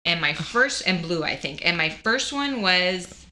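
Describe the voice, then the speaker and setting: Her voice lowish and her delivery a touch slow, a young woman recounts her own cancer journey as a guest in easygoing chat. She tells it with animation, acting out each quoted person's voice.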